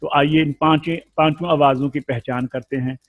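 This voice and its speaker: A man's voice: a little high, little pitch movement, moderate pace, no room sound, narrow, tinny audio. A man teaching Quran recitation in an explanatory lesson, patiently drawing out vowel sounds to demonstrate them.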